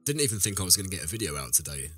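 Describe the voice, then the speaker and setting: A man talks casually over a game while ill, his very deep voice still cutting through with a bright, forceful edge. He rambles and corrects himself mid-sentence, often turning to address viewers. Faint music plays behind him. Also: very animated, racing, breathy edge, no echo. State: ill, deeper voice than usual. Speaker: let's play host. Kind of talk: casual gameplay commentary.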